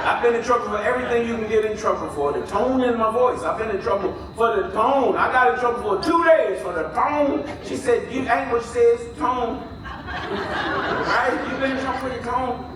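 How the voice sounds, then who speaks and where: A man doing stand-up comedy in a ship's theater, with punchy, animated crowd work. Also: high voice, noisy background. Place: ship theater with balcony. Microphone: recorded from the audience. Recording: distant, echoey theater with loud crowd laughter.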